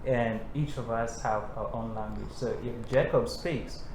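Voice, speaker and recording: A young man from South Sudan, a podcast guest talking in a measured, unhurried way with frequent pauses. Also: medium pitch, fairly even intonation, a little mellow, slight background noise. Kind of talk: casual interview conversation. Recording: echoey room.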